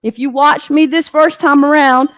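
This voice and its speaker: Woman fitness coach, high voice, dry close sound, peppy cues. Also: steady tone, moderate pace, fairly bright tone, dry recording. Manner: upbeat coaching cues with encouragement. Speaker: fitness instructor. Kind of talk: guided workout instruction.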